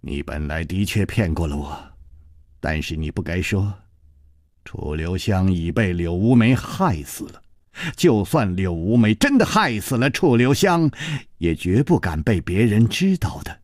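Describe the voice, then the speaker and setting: Man doing a cold scheming woman captor, low sneering voice, slow, dry close sound. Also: sing-song, dry recording.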